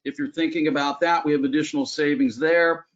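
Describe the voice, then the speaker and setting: A man's voice: on the high side, fairly even intonation, brisk. Chatty man hosting a webinar. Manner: chatty, upbeat, many filler "uh"s. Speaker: webinar host. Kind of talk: casual webinar presentation. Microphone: video call. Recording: dull lo-fi online call audio.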